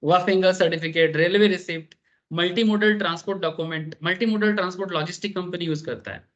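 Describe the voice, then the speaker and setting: A man's voice: high voice, fairly even intonation, quick pace, fairly bright tone, highs cut off. A man teaching a business law class, telling stories and asking the students questions. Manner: chatty storytelling, asks the class questions, mixes English terms.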